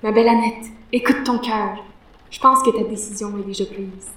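A woman playing a calm, gentle confidante at a boarding school who speaks softly and reassuringly in an audio drama. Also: medium pitch, normal speed, close to an everyday voice. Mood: soothing. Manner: soothing, soft-spoken, even. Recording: roomy, distant mic.

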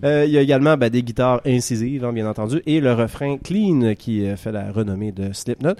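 A man's voice: medium pitch, brisk, mellow, no room sound. A Quebec French man talks through a music segment on the radio, loose and jokey, laughing often between hesitant fillers. The sound is dry and close, with no room around it. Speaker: radio host, music columnist. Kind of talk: casual radio chat.

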